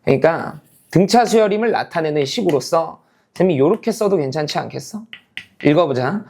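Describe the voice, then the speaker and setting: With a slightly high, somewhat mellow voice, a man delivers a math lecture one step at a time, repeating the important points and checking often that everyone is following. He switches back and forth between casual and polite speech.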